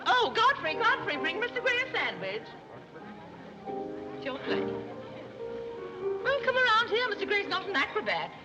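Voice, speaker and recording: A woman's voice: very high-pitched, huge pitch swings, normal speed, pauses often, heavily acted, rough recording. An actress playing a scatterbrained, gushing society mother in a 1930s screwball film. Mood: flustered. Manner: flighty, gushing, giggly. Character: scatterbrained fluttery middle-aged society mother. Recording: old 1930s film soundtrack, music behind.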